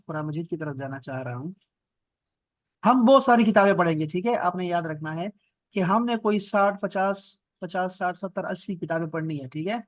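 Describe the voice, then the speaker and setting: A man with a Pakistani Urdu accent teaches an online class over a video call. His voice sits high and sounds dry and close to the mic. He repeats words patiently and checks in with his students often. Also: no room sound. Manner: patient, repeats words slowly for students, asks "theek hai?". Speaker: Arabic and Quran grammar teacher.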